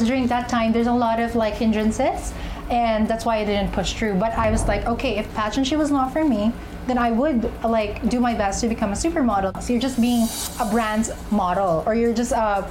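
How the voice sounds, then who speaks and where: A young woman, an actress and pageant contestant, candidly recounting her personal journey in an interview, often pausing to find her words. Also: on the high side, darkish tone, a little hiss or hum, poor audio. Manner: candid, searching for words with fillers and restarts. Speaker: interviewee, actress and beauty queen. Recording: music bed underneath.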